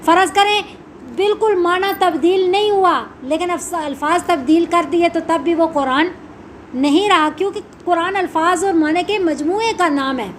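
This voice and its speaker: A woman's voice: very high voice, slight background noise. A woman Quran teacher explaining a religious lesson, asking and answering her own questions. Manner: slow, measured recitation of Arabic supplications.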